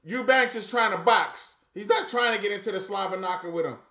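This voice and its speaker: A man with a high-pitched voice hosts a live boxing watch party. He commentates emphatically, hammering the same phrases again and again. The sound is echoey, like an untreated room. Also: brisk, noisy background. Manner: emphatic, repeats phrases over and over.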